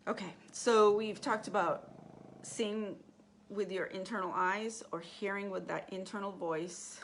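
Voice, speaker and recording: A woman's voice: mid-range voice, steady tone, measured pace, a little hiss or hum. A woman teaching a live class on intuition, talking in a conversational way and asking the group questions.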